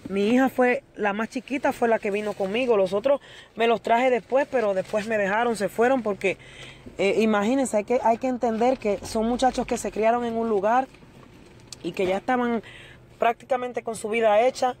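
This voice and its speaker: A woman's voice: fairly high pitch, fairly even intonation, normal speed, darkish tone. A middle-aged woman giving an earnest testimony to a church congregation and addressing her listeners as brothers.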